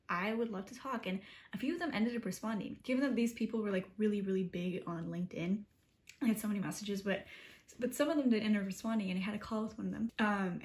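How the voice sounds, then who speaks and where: A woman of twenty, a college student, talking casually to camera in a vlog, rambling with lots of "like" and self-deprecating asides. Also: mid-range voice. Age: 20s.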